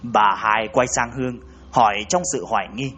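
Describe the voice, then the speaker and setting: A man's voice: normal speed, fairly bright tone. A man reading a ghost story aloud, raising his voice for the frightened women's lines. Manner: reads dialogue with raised, urgent pitch for women's lines. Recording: dull lo-fi recording.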